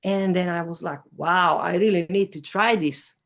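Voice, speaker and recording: A woman speaks careful, simple English as an interview guest. Her voice has a gravelly, creaky texture. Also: fairly low pitch, moderate pace. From former Yugoslavia. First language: Hungarian. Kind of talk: personal testimony in an interview.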